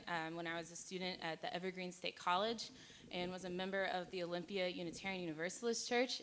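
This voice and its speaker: A woman in her twenties speaks as a panelist, her voice sitting a little low. She talks haltingly, with frequent fillers and restarts, as she works through her thoughts in a panel discussion. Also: fairly bright tone. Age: 20s. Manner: hesitant, many fillers and restarts. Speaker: panelist and student organizer. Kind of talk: panel talk.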